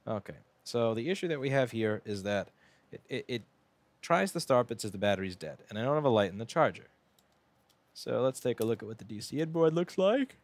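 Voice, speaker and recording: A man's voice: medium pitch, no echo. A man who owns a repair shop, chatting casually to a live stream while he works on a board. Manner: casual, chatty, talks to chat while working.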